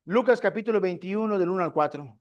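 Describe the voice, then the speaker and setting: A male preacher with a fairly high voice, speaking. He teaches a discipleship class in sermon style and keeps asking the congregation rhetorical questions, then answers them himself. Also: fast, muffled recording.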